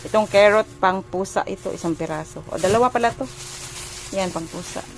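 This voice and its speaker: A talkative woman from the Philippines chats through a casual home vlog in her kitchen. She rambles easily and keeps pausing to search for the right word. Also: medium pitch. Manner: chatty, rambling, searches for words with "ano". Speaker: home vlogger and mother.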